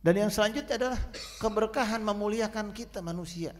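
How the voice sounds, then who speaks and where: A man preaching a Friday sermon in rhythmic, rhyming lines that swing from loud to soft. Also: sits high, fairly quick. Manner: rhythmic rhyming oratory with sharp swings in loudness. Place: mosque hall. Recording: echoey mosque hall sound.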